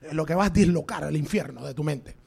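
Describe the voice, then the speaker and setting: A brash young Cuban preacher, full of himself and talking fast in street slang. His voice sits high and carries a strong Cuban accent, put on by a man. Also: creaky, darkish tone, husky, heavily acted. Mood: boastful.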